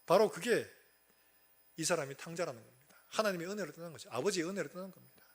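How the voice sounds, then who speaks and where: A man's voice: a little high, expressive, fast. A male pastor preaching a sermon emphatically, asking many rhetorical questions.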